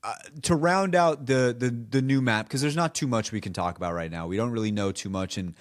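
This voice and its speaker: A man's voice: medium pitch, brisk. A man hosting a casual gaming podcast, talking in a laid-back, rambling way and repeating his phrases. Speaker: podcast host.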